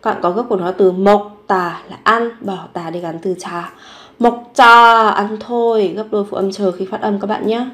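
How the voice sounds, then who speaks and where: A woman teaching short everyday phrases, repeating each one slowly before explaining it. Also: mid-range voice. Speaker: Korean language teacher. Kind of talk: Korean lesson explained in Vietnamese.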